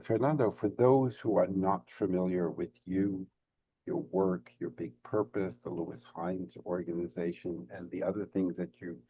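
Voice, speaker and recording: Male podcast host, very deep husky voice, dull lo-fi recording. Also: dry recording. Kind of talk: interview podcast. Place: on the road while travelling.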